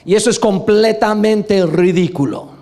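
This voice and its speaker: A man preaching a sermon with a high, bright voice. He is emphatic and keeps asking the congregation for agreement. His delivery swings between quiet asides and loud exclamations. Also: measured pace. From Latin America.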